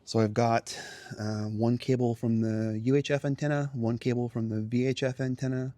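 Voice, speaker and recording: Speaking at a medium pitch with a level tone and moderate pace, a man hosts a casual walk-through tour and explains things plainly. He's an amateur radio hobbyist, moving from outdoors by a house into a garage and small radio room; his tone is dark and there's no room sound.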